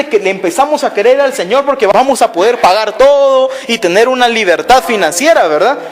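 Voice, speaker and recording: A man preaching a sermon, telling a story and asking his listeners rhetorical questions again and again. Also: very high-pitched. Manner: acts out voices of people in the story.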